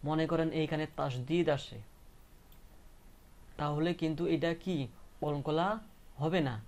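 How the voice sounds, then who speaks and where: A man's voice: a little high, darkish tone. A man giving a spoken tutorial on reading the Quran, patiently repeating letters and asking rhetorical questions.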